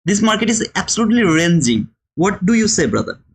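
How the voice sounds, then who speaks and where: This high-pitched man, a trading teacher with a Bangladeshi accent, hosts a livestream and delivers live instructional commentary to viewers. He talks a little fast with big pitch swings and a slightly rough voice, pressing his points emphatically through repetition and rhetorical questions.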